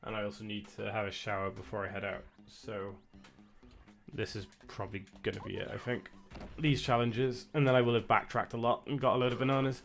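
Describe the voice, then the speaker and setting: A man's voice: on the low side, little pitch movement, fairly quick, gravelly, faint music behind. A man from Wales with a Welsh accent, chatting casually while streaming a video game and answering viewers. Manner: chatty, reads out viewer chat. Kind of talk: casual gameplay commentary.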